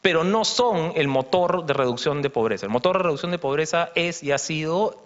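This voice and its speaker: A man walks an audience through slides, explaining patiently and peppering his points with fillers and tag questions. His voice sits a little high and carries the long reverb of a large conference hall. The broadcast sound is somewhat dull and muffled. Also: expressive, a little fast. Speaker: economist presenting at a conference.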